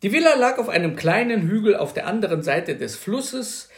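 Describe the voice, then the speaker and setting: A man reading a novel aloud, telling a first-person story in an animated way. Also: sits high, normal speed, echoey room. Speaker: reader. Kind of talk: literary reading.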